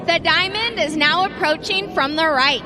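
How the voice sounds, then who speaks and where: A woman giving scripted airshow commentary in a measured, dramatic announcer style. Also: very high-pitched. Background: loud music.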